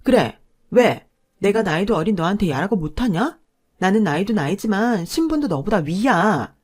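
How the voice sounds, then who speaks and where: A woman voicing a pushy, greedy middle-aged sister-in-law who scolds and bosses loudly. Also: mid-range voice, animated, moderate pace, slightly rough. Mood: furious. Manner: bossy, scolding, loud in anger.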